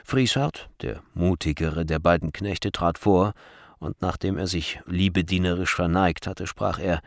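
A man narrating a storybook in a lively, dramatic way. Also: sits low, unhurried, gravelly, dry recording, studio quality. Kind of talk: storybook reading.

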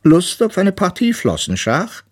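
A man's voice: high voice, huge pitch swings, unhurried, breathy edge, pitched above the performer's own voice, exaggerated voice. A man voicing a greedy, pompous old male walrus in a storybook reading, with a haughty, haggling drawl. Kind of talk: audiobook character voice.

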